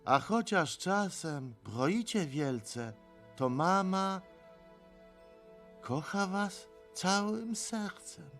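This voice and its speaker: An actor dubbing a grumpy middle-aged male supervillain in an animated film, speaking in a gruff, exasperated, sarcastic way. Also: high voice, drawn-out words, soft background music, full character voice. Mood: reluctant reading. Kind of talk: animated film dub acting.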